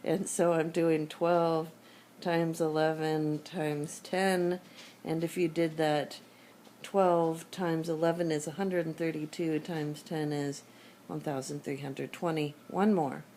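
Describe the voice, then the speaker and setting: A math teacher with a sore throat walks through problems one step at a time in a screencast lesson. Her voice sits low and mellow. A faint hiss runs under it. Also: slow. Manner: steady step-by-step explaining, thinking aloud. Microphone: tablet screencast recording.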